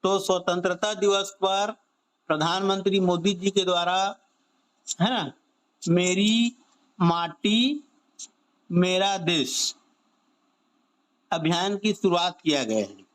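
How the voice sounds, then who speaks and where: A man's voice: high-pitched, measured pace, a bit bright. A man teaching an online exam-prep class on current affairs, drilling students with repeated questions and stretching out key phrases.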